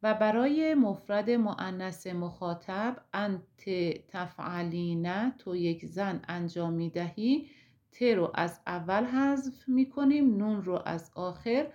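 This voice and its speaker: A woman with a Persian accent, teaching an Arabic grammar lesson slowly and step by step. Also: medium pitch, expressive, warm tone, lo-fi sound. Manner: slow, deliberate, explaining step by step.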